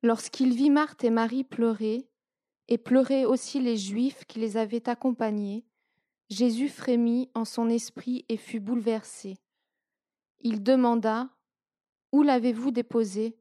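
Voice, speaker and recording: A woman reading scripture aloud in a slow, measured, reverent way. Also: a little high, fairly even intonation, mellow, no echo, clean studio sound. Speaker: scripture reader.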